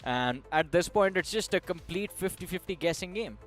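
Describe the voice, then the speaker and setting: A man's voice: high-pitched, animated, moderate pace, fairly bright tone, soft background music. A man with an Indian English accent, casting and analysing a mobile esports tournament in an upbeat, bantering way. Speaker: esports caster. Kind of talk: esports analyst desk commentary.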